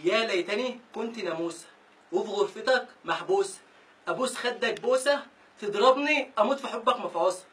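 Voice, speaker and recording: A young man with an Egyptian accent voicing a clingy, sweet-talking young girlfriend in a soft, syrupy tone, heard from a distant mic. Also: high voice, brisk. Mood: cooing. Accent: Egyptian Arabic.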